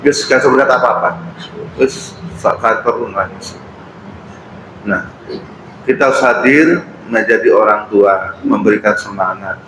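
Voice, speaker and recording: Ustaz dengan logat Jawa Timur di ruang masjid yang bergema. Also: male voice, lowish voice, fairly even intonation, normal speed, long pauses, background noise. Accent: East Javanese. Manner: casual storytelling with Javanese asides. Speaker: preacher. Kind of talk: mosque study-circle sermon. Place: mosque hall. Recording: roomy hall, faint ambience.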